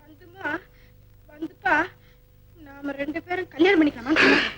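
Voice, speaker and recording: An emotional young daughter. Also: female voice, sits high, normal speed, a bit bright, rough recording. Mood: pleading. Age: young adult. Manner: pleading, tearful outbursts. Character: earnest young woman, emotional and easily upset. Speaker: daughter in a film comedy.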